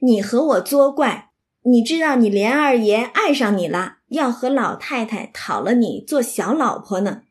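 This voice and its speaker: A woman voicing a sharp-tongued young noblewoman who jokes and gives orders to the maids, read in her own storytelling voice. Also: fairly high pitch, expressive, a little slow. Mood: teasing. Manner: teasing, bossy banter.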